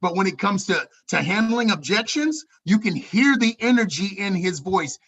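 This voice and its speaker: Man, team call host, energetic, hype, high voice. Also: moderate pace, slightly rough. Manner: energetic, hypes up speakers. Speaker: team leader hosting a training call. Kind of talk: hosting a group training call.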